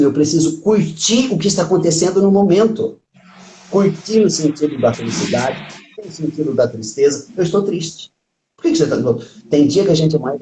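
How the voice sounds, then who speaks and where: A man's voice: medium pitch, warm tone. A man, a pastor and couples therapist, chatting casually and telling stories that he acts out with laughs. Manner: storytelling, laughs often, acts out quotes. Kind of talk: casual chat on a live stream. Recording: roomy echo.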